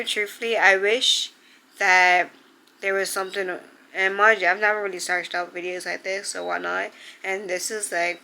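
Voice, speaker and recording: A woman's voice: on the low side, sharp tone, slight background noise, low-quality recording. A young woman vlogger sitting down to give heartfelt advice, earnest and emotional, close to tears. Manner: earnest, heartfelt, full of "like" fillers. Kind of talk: sit-down advice vlog.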